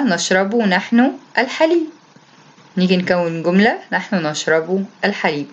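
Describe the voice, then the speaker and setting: A woman's voice: lowish voice, dull audio. A woman teacher with an Egyptian Arabic accent explaining a lesson for young pupils, reading out each task and then going through it patiently. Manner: patient and repetitive, reads each instruction aloud, then explains it. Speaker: primary school Arabic teacher. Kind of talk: recorded classroom lesson explanation.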